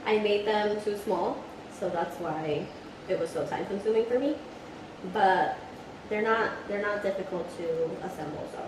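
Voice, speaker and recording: A woman's voice: medium pitch, background noise. A woman chatting casually and upbeat through a home cooking vlog, joking about her own results. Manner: chatty, upbeat, self-deprecating. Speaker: nail channel host trying a recipe. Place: home kitchen.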